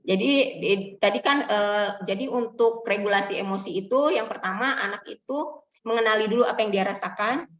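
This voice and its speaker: A woman's voice: medium pitch, brisk, a bit bright, a little hiss or hum. Echoey distant woman psychologist explaining. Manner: explanatory, acts out parent and child quotes. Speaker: child psychologist speaker. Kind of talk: parenting seminar talk. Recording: echoey, distant, muffled room mic.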